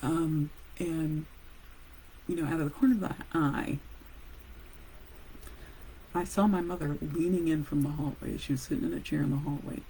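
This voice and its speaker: A woman who works as a nurse, casually telling a personal story with animated pauses and laughs. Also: sits low, a little hiss or hum, low-quality recording.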